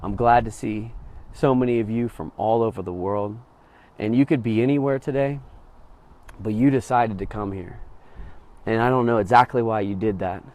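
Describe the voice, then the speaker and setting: A man speaking to an audience, telling a personal story and then urging listeners on, swinging between hushed and emphatic. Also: lowish voice, normal speed. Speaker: motivational speaker. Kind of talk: inspirational talk to an audience.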